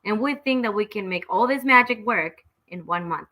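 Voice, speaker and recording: A woman's voice: medium pitch, animated, normal speed, sharp tone, low-quality recording. A woman hosting an interview, chatty and enthusiastic, reacting with exclamations and talking openly about her own goals. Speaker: host. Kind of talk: casual interview chat.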